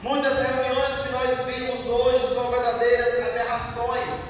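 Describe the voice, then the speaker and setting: A Brazilian man preaching a fervent sermon as a pastor, with drawn-out, emphatic repetitions. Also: extremely high pitch, completely flat delivery. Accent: Brazilian Portuguese. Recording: echoey hall from far off, noisy.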